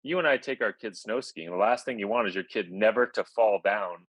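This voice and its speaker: A man with a lowish voice co-hosts a casual podcast, upbeat and talking in long run-on thoughts. The sound is close and dry, with no room around it. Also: a little fast, no room sound, poor audio. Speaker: podcast co-host.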